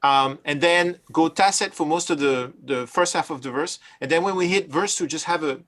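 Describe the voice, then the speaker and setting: Higher-voiced man in casual studio talk. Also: normal speed, fairly bright tone. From Brooklyn. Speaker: music producer directing a session.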